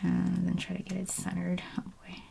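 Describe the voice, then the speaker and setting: A planner video host chats casually while crafting at home indoors, narrating her work and musing to herself before trailing off into murmurs. Her voice is on the low side, gravelly, dark and breathy-edged, delivered completely flat at normal speed.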